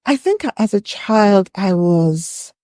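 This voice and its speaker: A Nigerian woman with a Nigerian accent reflects on her past as a guest in a casual podcast interview, recalling memories at an easy pace. Her mid-range voice is expressive, warm and unhurried, captured in clean studio quality with no echo.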